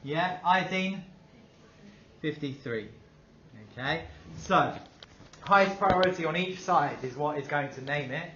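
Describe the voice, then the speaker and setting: An upbeat male teacher running a classroom lesson, quizzing the class and praising their answers. His voice sits a little high for a man. It is recorded in an echoey room, with a dull, slightly muffled sound and faint noise behind. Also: a little slow, pauses often, a bit bright.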